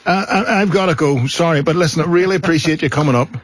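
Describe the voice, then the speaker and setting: A man hosting a radio show, friendly and halting, often restarting sentences. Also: fairly high pitch, no room sound. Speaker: radio drive-time host. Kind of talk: radio interview.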